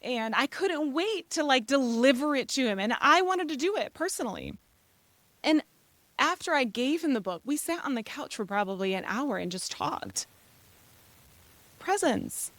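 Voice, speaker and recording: A middle-aged woman speaking at church, telling a personal story in a relaxed, conversational way with quick asides and laughter. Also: high voice, no echo.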